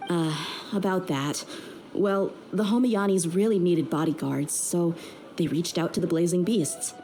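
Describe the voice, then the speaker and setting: A dark, fairly low female voice at a measured pace gives a game's young mercenary bodyguard her frank, direct lines. The recording is rough, with slight background noise.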